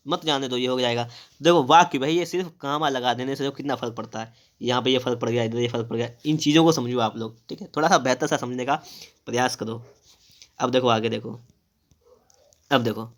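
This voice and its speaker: A man with a slightly raised pitch runs an exam-prep grammar lesson. He reads out rules, then breaks each one down by asking a question and answering it himself. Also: fairly bright tone. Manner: explains step by step, asks and answers his own questions. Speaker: Hindi grammar teacher.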